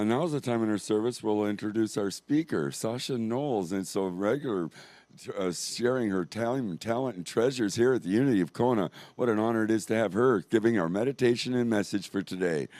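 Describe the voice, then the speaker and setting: A man hosts a church service and introduces the next speaker. He is soft-spoken and halting, and he sounds moved. His voice is low and deep. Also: no room sound. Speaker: service host. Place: church sanctuary.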